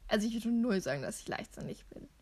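Young female podcast co-host, slightly high voice, casual self-mocking banter. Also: lively intonation, darkish tone. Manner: chatty, self-mocking, quick asides. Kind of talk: casual chat.

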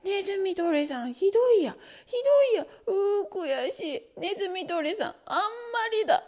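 A woman's voice: high-pitched, expressive, moderate pace, vocal fry, a little mellow. A woman doing a pompous, whiny little mouse. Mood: wailing. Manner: haughty, complaining, whining.

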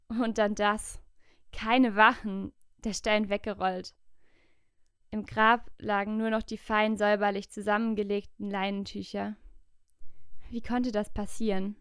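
Woman telling a heavy first-person story, super smooth clear voice, dry close sound. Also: medium pitch, no room sound. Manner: earnest, emotional storytelling.

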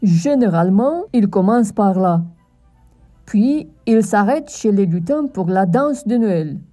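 Friendly storybook marmot, mellow voice, unhurried, woman voicing it. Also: mid-range voice, animated, soft background music. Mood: helpful.

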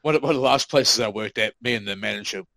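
A man's voice: fairly low pitch, quick pace, vocal fry, a bit bright, no echo, rough recording. A man co-hosting a podcast, telling work stories in casual chat, swearing freely and acting out what people said. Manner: swears freely, acts out quoted remarks. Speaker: podcast co-host.

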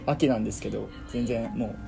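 A man with a creaky, gravelly edge recounts an eerie true story in casual, polite conversation. He talks quickly but builds it in halting pieces. His pitch is middling, and music plays behind him. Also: fairly even intonation. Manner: halting, pieced-together telling with polite speech. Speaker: guest telling a family story.

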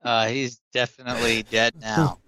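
A man's voice: medium pitch, little pitch movement, moderate pace, sharp tone, clean tone, no room sound. A man narrating a tabletop game as game master, describing events and answering players.

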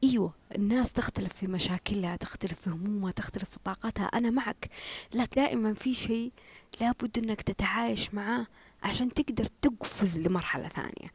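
Fast-talking woman, emphatic and whispery. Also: mid-range voice, no room sound. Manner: emotional, emphatic, drops to breathy whispers. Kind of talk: personal reflective monologue.

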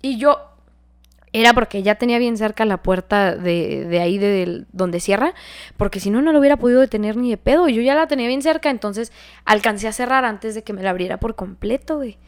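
A woman's voice: fairly high pitch, brisk, clean tone. A young woman with a Mexican Spanish accent telling a story in casual chat, swearing and laughing often. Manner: profane, laughing, lively retelling.

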